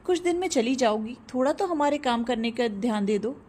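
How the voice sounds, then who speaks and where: A stern but teasing mother in a spoken story, voice on the higher side, as a woman narrator reads her. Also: animated, a little fast, a little mellow. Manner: scolding, bantering.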